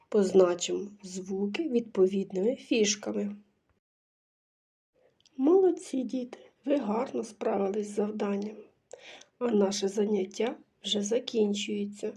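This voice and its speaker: A kindergarten teacher leads young children through a phonics lesson, patiently posing questions, answering them herself, and praising the class. Her voice is medium in pitch, dark and husky.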